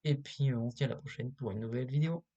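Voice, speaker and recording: A man giving casual, unscripted video commentary as a host, halting often with filler sounds, recorded on a cheap built-in laptop microphone. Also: medium pitch, dark tone, lo-fi sound. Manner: hesitant, halting delivery with many filler pauses. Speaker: YouTube host reviewing toy sets.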